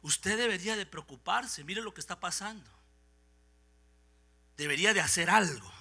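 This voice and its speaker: Bright high-voiced man preaching a fervent sermon. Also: normal speed, gravelly. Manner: swings from quiet asides to shouted preaching, acts out voices. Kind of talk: Pentecostal sermon. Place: church sanctuary.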